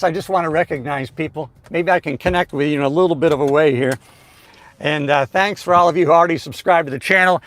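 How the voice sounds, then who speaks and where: A man's voice: high-pitched, a bit bright. A man in his sixties hosting a live stream, chatting in an upbeat, motivational way. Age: 60s. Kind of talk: casual live-stream chat.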